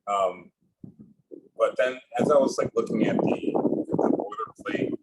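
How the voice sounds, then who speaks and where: A man on a work video call, explaining his progress in a halting, thinking-aloud way while his audio comes through muffled and underwater-sounding. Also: medium pitch, very animated, heavy background noise. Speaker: project developer. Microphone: video call mic.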